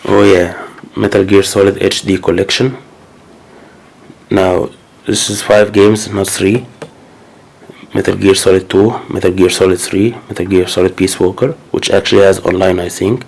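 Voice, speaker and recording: This gaming channel host has a cold as he chats casually through his new game collection, hesitant and full of fillers and restarts. His low, creaky voice is flat and darkish, slightly rough, at a normal speed, and the recording quality is low.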